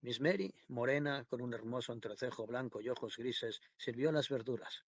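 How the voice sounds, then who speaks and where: A man narrating a classic novel in a measured, even audiobook reading. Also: medium pitch, dry recording. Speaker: audiobook reader. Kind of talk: scripted literary narration.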